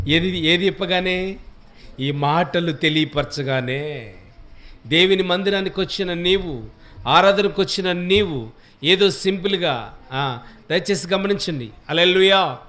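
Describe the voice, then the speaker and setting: High-voiced Telugu pastor exhorting his flock. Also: a little slow, long pauses, pushed and bright. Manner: exhorting, questioning the congregation. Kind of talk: sermon. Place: church hall.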